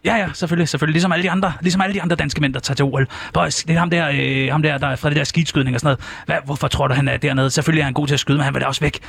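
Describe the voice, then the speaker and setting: A man's voice: a little high, steady tone, gravelly, hardly any pauses, a bit bright, slight background noise. A man doing a frantic, stammering athlete itching to flee. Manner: stammering, repeating words. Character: frantic male Olympic athlete desperate to flee his family. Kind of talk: comedy sketch interview.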